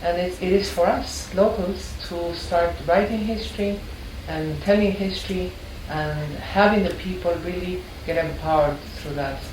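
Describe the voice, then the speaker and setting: In this personal storytelling interview, a longtime art history teacher from Ecuador, an older woman, reflects earnestly on her life and frequently starts over mid-thought. She speaks in a lowish voice at a moderate pace with hardly any pauses. The mic is set back in an echoey space, and background noise is audible.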